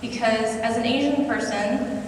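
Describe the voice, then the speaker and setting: A woman's voice: fairly high pitch, a little slow, distant mic, background noise. Young woman with an American accent, echoey hall. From Singapore. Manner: conversational, self-deprecating storytelling. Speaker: conference speaker. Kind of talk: personal storytelling talk. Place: lecture hall at a conference.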